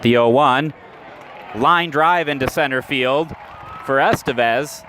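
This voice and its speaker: Speaking slowly in a medium-pitched voice, an American radio announcer gives live baseball play-by-play. He's at an outdoor minor league ballpark, with crowd and background noise filling the recording.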